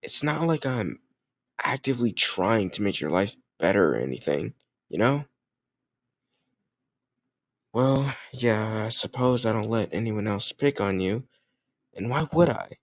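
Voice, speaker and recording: A man with a low voice plays a cocky, popular teenage football captain who bullies but is secretly tender, in an intimate scripted audio roleplay aimed at the listener. He sounds smug and teasing, animated but a little slow, with long pauses and hesitant murmured asides. The studio sound is clean, with no echo.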